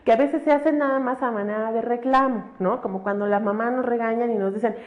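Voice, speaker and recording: A woman's voice: fairly high pitch, fast talker. A woman teacher, giving a recorded lecture and often checking in with tag questions. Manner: explains with frequent tag questions, animated examples. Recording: dull lo-fi recording.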